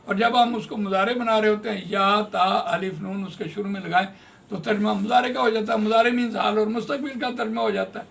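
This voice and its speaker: Man, Quran teacher, classroom lesson, patient, repeats words slowly, high voice, gravelly. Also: steady tone, a bit bright. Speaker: Quran tajweed and translation teacher. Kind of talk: classroom lesson explaining Arabic grammar in Urdu.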